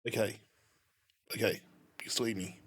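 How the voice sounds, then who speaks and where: A man's voice: fairly low pitch, fairly even intonation, moderate pace, fairly bright tone, breathy edge. A man chatting casually on a game livestream, rambling in a mildly exasperated way. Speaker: game streamer.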